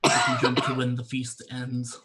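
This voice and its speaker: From his home setup, a man runs a tabletop game as the dungeon master, telling the story in a mid-range voice that stays measured and even.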